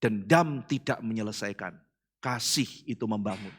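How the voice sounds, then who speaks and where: Man, pastor, Indonesian accent, sermon in a church, bright tone, acts out dialogue, loud then hushed. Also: on the low side, normal speed, husky. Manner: storytelling with acted dialogue, swings from loud to hushed; addresses congregation as "saudara".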